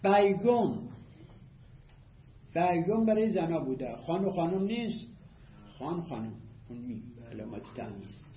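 A man teaching a class on a classical text, reading passages aloud and then explaining them word by word in a measured way. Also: a little high, very animated. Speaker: teacher of Arabic rhetoric. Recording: echoey room, slightly dull lo-fi audio.

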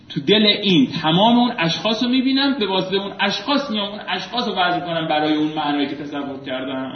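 A man with a fairly high voice teaches a class and quizzes his students. His tone swings from loud prompts to low asides. The recording is muffled and lo-fi and picks up a lot of echo from the room. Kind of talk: classroom lecture with call-and-response drilling. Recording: echoey room, muffled lo-fi sound.

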